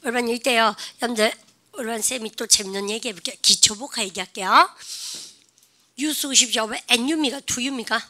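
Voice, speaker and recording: A middle-aged woman teaches English grammar to a classroom. Her voice is fairly high and very bright. She keeps things lively, drilling students with quick call-and-response prompts. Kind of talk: classroom lecture.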